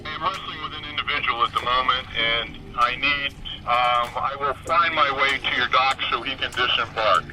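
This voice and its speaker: A man's voice: medium pitch, moderate pace, few pauses, low-quality recording. A man heard over a marine radio making a call in formal radio protocol, a little hesitant.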